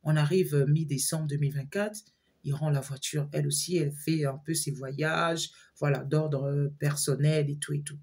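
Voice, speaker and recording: A woman telling her viewers a personal story in a casual, animated way, with frequent fillers and repetitions. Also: low voice, moderate pace, breathy edge.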